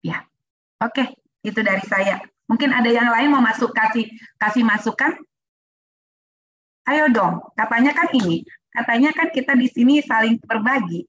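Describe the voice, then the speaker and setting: A woman teaching a church group, urging listeners earnestly, dropping in English phrases and pausing with frequent fillers. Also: fairly high pitch, expressive, a bit bright, dull audio. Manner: earnest, exhorting, many "uh" pauses. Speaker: Bible teacher. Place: online worship meeting.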